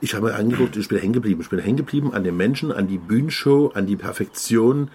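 A man's voice: lowish voice, animated, fast talker, darkish tone, slight background noise. A middle-aged man with a Saxon German accent, co-hosting a casual podcast and telling rambling anecdotes with many fillers. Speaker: podcast co-host, DJ. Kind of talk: casual chat.

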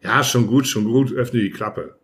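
Guy doing a calm no-fuss spaceman, brisk and unbothered, audiobook voice. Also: medium pitch, natural voice. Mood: matter-of-fact. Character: calm, matter-of-fact man, another self of the hero.

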